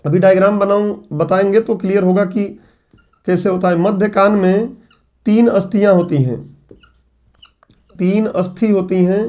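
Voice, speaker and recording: A man's voice: sits high, fairly even intonation, moderate pace, pauses often, warm tone. A middle-aged male teacher with a sore throat lecturing a class at a board, explaining step by step and posing questions that he answers himself.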